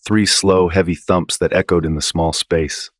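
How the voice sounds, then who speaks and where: Deep-voiced man narrating a horror story. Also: little pitch movement, normal speed, background noise. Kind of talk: scripted first-person narration.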